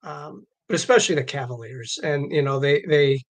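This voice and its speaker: A man co-hosts a sports card live stream, chatting casually and frequently repeating words as he talks. His pitch is medium and his speed normal.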